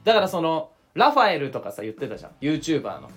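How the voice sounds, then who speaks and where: A young man co-hosting a casual comedy podcast, chatting in quick, animated banter with occasional shouts. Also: fairly high pitch, breathy edge, soft background music. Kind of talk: casual chat.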